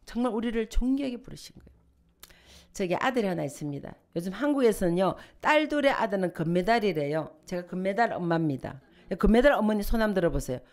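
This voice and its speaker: A woman's voice: medium pitch, quick pace. An older woman, a pastor's wife, giving a sermon with humorous stories and sudden swells into fervent prayer. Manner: humorous, lively storytelling with sudden emotional swells. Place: church sanctuary.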